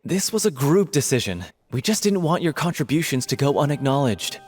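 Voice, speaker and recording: A man's voice: fairly high pitch, sing-song, fairly quick, husky. A man voicing a polite, earnest young theatre troupe director in a video game, speaking in a formal manner. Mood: placating.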